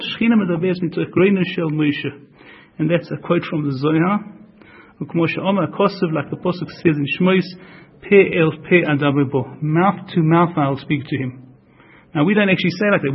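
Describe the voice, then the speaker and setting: Husky-voiced man teaching a Torah class. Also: fairly high pitch, moderate pace, lo-fi sound. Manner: explains with repetition and rhetorical questions; mixes Hebrew and Yiddish terms into English.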